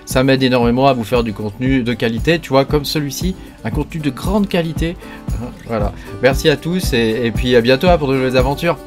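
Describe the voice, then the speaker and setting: A man's voice: medium pitch, fairly quick. Man, YouTube crypto host, chatty and rambling, mid voice, light music bed. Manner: rambling, heavy fillers and verbal tics. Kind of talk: joking casual video talk.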